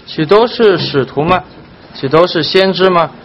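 Man, high voice, reading scripture aloud, steady and even, muffled recording with faint hiss. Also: moderate pace. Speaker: scripture reader in a Bible study.

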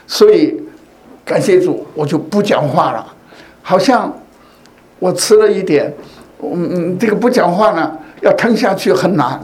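A man with a high voice preaches a sermon in a relaxed, conversational way. He talks straight to his congregation, often checking in with rhetorical questions as he tells a personal story. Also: unhurried. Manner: tells personal stories to make a point.

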